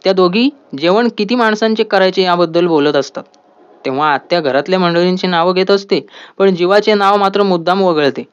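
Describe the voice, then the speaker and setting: A man's voice: high voice, fairly quick, clean tone. A man reviewing a TV serial, narrating an episode recap and reading out the characters' dialogue. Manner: retelling scenes, reading dialogue aloud. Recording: dull lo-fi audio.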